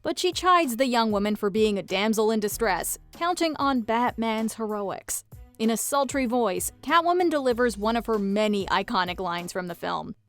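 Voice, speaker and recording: A woman narrates a scripted countdown in a fairly high, very animated voice. Faint music plays behind her. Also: moderate pace. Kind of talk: scripted pop-culture narration.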